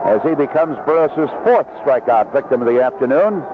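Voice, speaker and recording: A man calls baseball play-by-play on live radio from a broadcast position at an outdoor ballpark, in a narrow-band vintage broadcast with clearly noisy background. His mid-range voice moves at normal speed with animated intonation and descriptive, clipped calls.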